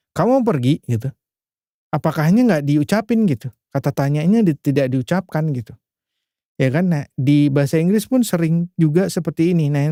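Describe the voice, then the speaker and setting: A man from Indonesia tutoring English in a loose, chatty way, piling up filler tags and restarting sentences. His voice sits a bit high but sounds warm and mellow. The sound is close and dry. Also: dry recording. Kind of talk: casual screen-share language lesson.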